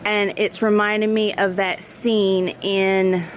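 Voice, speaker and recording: A woman giving an earnest, reflective spiritual monologue in halting phrases, as in a personal vlog. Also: medium pitch, little pitch movement, slight background noise. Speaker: spiritual vlogger.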